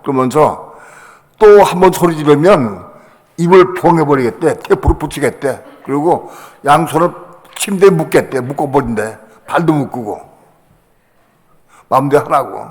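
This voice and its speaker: An older man, a pastor, telling a personal story in a sermon, acting out other voices with sudden loud bursts. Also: a little high, animated, moderate pace. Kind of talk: sermon testimony. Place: church sanctuary. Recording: long hall reverb.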